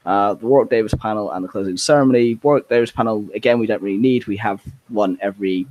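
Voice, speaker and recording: A man co-hosting a podcast in relaxed casual chat, agreeing and plugging the show. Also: lowish voice, quick pace, muffled recording. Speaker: podcast co-host.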